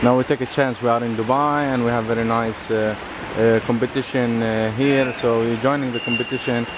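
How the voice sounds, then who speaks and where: Male reporter, mid pitch, stumbling through questions, clear noise behind. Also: steady tone. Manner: halting, lots of uh fillers. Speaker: reporter, interviewer. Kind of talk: interview questions.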